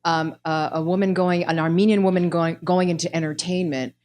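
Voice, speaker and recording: A woman's voice: fairly low pitch, fairly even intonation, fairly quick, darkish tone. A woman in her fifties moderating a panel, searching for words and passing questions to others. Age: 50s. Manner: searching, restarts, hands off questions. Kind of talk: panel discussion.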